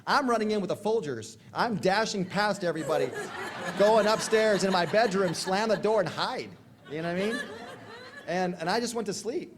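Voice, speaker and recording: A man speaking to a convention crowd as a recovery speaker, telling his story in a jokey, slangy way with quick asides. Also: sits high, animated.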